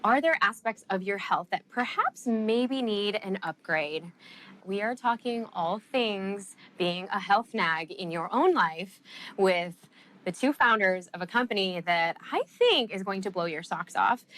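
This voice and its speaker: A woman's voice: mid-range voice, fairly bright tone. A woman hosting a podcast in a casual interview, upbeat and gushing. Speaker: podcast host.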